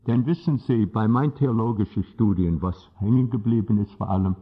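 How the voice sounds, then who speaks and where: A man's voice: fairly low pitch, slightly rough. A man preaching a sermon with passion and emphasis, his phrasing clumsy and often ungrammatical. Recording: dull lo-fi recording.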